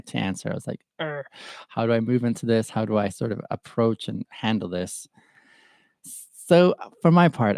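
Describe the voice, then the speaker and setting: A man from Ethiopia hosting a solo podcast, talking through a question in a thoughtful, halting way with pauses and fillers. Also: mid-range voice, dark tone, no echo. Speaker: podcast host answering viewer questions. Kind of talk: reflective solo livestream talk.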